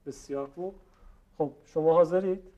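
Middle-aged male teacher in a classroom, higher-pitched voice, patient and explanatory, demonstrates each sound slowly. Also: dark tone. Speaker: Quran recitation teacher. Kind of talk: classroom tajwid lesson.

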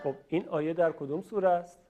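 A fairly high-pitched man from Iran leads a recitation lesson. He patiently models each sound and has his viewers repeat it. The recording is dull and lo-fi. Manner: patient, demonstrates pronunciations, asks viewers to repeat. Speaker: Quran recitation teacher. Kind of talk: classroom-style lesson.

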